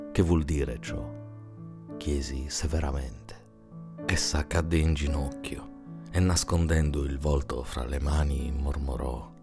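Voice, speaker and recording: Very deep, gravelly male storyteller. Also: darkish tone. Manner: grave, slow, often dropping to a whisper. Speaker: audiobook reader. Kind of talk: dramatic literary reading.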